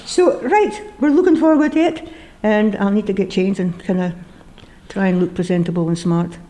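A woman's voice: medium pitch, normal speed, warm tone. A woman with a broad Scottish accent hosting a casual radio interview in a chatty, self-deprecating way. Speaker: radio show host.

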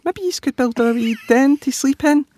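A man voicing a kindly father pig from a children's storybook, expressive, with a broad Scottish accent. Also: extremely high pitch, a little fast, no room sound, voice pushed up.

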